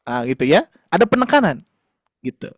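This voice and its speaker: High-voiced male Quran teacher, patient. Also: big pitch swings, normal speed, dry recording, studio quality. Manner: patient, explanatory, addresses parents warmly as "Ayah Bunda"; frequent fillers and tag questions. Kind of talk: online class lesson.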